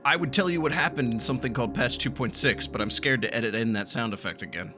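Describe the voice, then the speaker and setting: A gaming YouTuber delivers casual let's-play commentary, reacting and joking as he plays a video game. His mid-range voice moves fast over background music.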